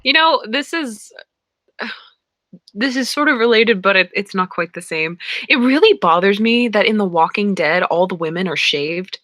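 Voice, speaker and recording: Chatty young woman with a bright voice. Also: mid-range voice, lively intonation, measured pace, dry recording, clean studio sound. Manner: chatty, laughs easily. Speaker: podcast co-host. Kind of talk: casual chat.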